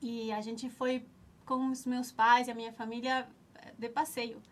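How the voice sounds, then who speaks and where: This Ecuadorian woman in her forties has a voice on the high side, a level tone, and an unhurried delivery. She is a nutritionist and former student being interviewed, speaking her native Spanish with an Ecuadorian accent. Thoughtfully looking back on her story, she frequently starts sentences over while searching for the right words.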